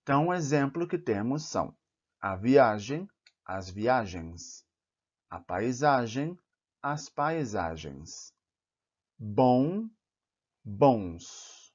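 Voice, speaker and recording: A man teaching plural rules in a careful lesson, saying each example word slowly and clearly. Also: mid-range voice, very animated. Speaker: Portuguese teacher. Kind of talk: slow, deliberate grammar lesson. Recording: dull, slightly lo-fi recording.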